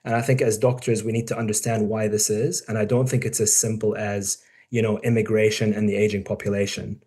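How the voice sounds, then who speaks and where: Man, forties, lowish voice, easygoing presenter who talks to colleagues and thinks aloud with ums. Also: brisk. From born in the UK, raised in Dubai and New Zealand. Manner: relaxed and conversational, frequent ums and restarts. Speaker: surgeon giving a talk. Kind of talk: casual presentation to peers.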